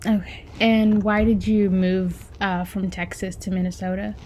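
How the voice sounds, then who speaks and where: A woman conducting an oral history interview, asking polite, measured questions with a few fillers. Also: mid-range voice, little pitch movement, a little mellow, slight background noise.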